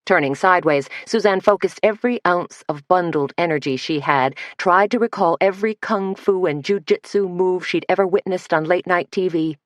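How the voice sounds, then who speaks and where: A woman narrating an audiobook mystery in a steady, measured reading. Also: fairly low pitch, no room sound. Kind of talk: scripted narration.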